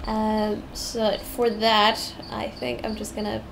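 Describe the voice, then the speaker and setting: With crickets behind her, a slow-talking South African woman with a medium pitch and vocal fry thinks aloud while drawing on a live stream. The digital artist's accent mixes British and American-tinged English. She's chatty and meandering, humming to herself, over steady background noise.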